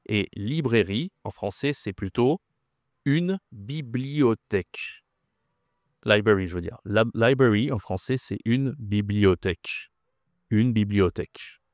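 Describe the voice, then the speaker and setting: A man's voice: fairly low pitch, slow, darkish tone, no echo, studio quality. A man teaching French vocabulary. He is patient, repeats each word and often checks that the listener follows. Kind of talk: slow, clear vocabulary lesson.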